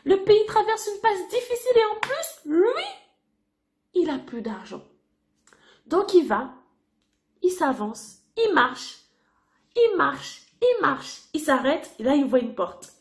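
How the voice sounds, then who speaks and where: High-voiced woman storytelling for kids. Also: slow, pauses often. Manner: animated, addresses children, sound effects. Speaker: children's Bible storyteller. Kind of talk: storytelling to children.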